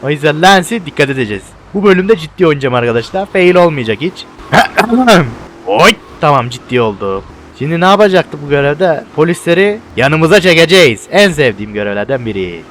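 A young man casually commentating a video game, excitable and bantering, often shouting at what happens on screen. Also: a little high, brisk, a little hiss or hum. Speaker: gameplay video host.

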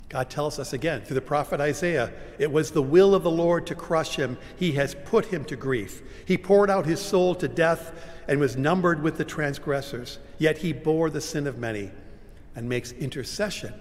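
An older man preaching a sermon from a pulpit, dramatic, moving from loud cries to hushed whispers. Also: a little high, moderate pace. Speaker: pastor. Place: large church sanctuary, standing at a pulpit. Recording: long church reverb, faint room hum.

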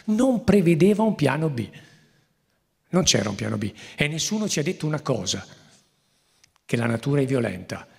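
A gravelly, husky-voiced man speaks into a handheld microphone on a theatre stage, urging the crowd with insistent, repeated warnings. A long hall reverb trails each phrase. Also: medium pitch. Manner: emphatic, exhorting the audience. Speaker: moderator. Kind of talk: public talk at a conference. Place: theatre stage before a large audience.

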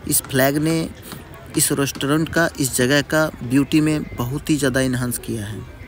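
A man's voice: mid-range voice, steady tone, moderate pace. Man narrating a riverside travel vlog. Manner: friendly, addresses viewers as friends. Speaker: travel vlogger. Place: outdoors at a riverside picnic spot.

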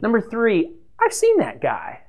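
A man's voice: high voice, wildly swooping pitch, a little slow, darkish tone. A man in his fifties giving a standing whiteboard lesson in a small room, talking animatedly and gesturing as he explains. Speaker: church web consultant presenter.

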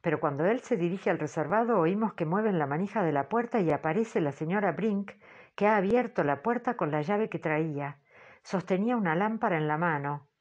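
A woman reading an audiobook in a measured, low-key way, on a dull, muffled recording. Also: animated, a little mellow. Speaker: audiobook narrator. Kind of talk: scripted literary narration.

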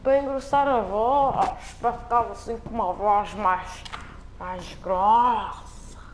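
A gameplay commentator with a European Portuguese accent offers casual, joking, slangy and repetitive banter while playing a video game. His voice sits high with a steady tone, he takes it slowly, and there's background noise.

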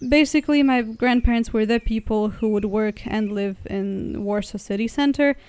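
A woman's voice: on the high side, moderate pace, a little mellow, clean tone, no echo. A young woman from Poland chatting casually as a travel vlogger while riding in a car through the woods, rambling and correcting herself as she goes. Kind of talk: casual vlog narration.

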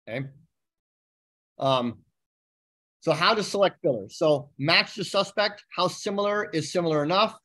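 Man lecturing with a slightly higher voice. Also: fairly bright tone. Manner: explanatory, fills pauses with "um" and checks in with "okay?". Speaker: university psychology instructor presenting to law students. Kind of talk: lecture presentation.

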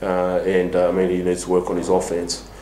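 A middle-aged man speaks bluntly as a coach at a press table, restarting his sentences often. His voice is low, and the small room gives it a clear echo. A faint hiss sits under the recording. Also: monotone, fairly quick, warm tone. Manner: frank, blunt, lots of restarts and fillers. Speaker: basketball head coach. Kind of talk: post-match press conference. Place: small press room before a sponsor backdrop. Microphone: table mic on a stand.

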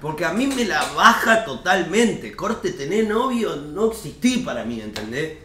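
A young Argentine man with a Rioplatense accent tells a story in loose, slangy chat. His voice sits fairly high and bright. He acts out every quoted line, and the room around him is echoey. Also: big pitch swings, normal speed, slight background noise. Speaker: streamer telling an anecdote.

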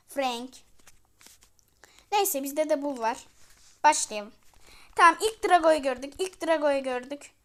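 A woman with a high, bright voice gives excited live commentary over her gameplay. She chants single words again and again at the action and turns now and then to address the viewers as friends. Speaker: gamer and channel host.

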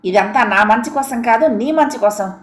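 A woman's voice: on the high side, normal speed, natural voice. A woman voicing a jilted young man in an audiobook, scornful and bitter, recorded in a roomy echo. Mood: angry, bitter. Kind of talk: audiobook character reading.

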